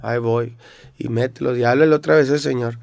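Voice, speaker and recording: Mexican rapper guest, gravelly voice, dry close sound, lively storyteller. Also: male voice, mid-range voice, a little fast, dry recording. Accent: Mexican Spanish. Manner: animated retelling with acted-out quotes. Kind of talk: casual storytelling interview.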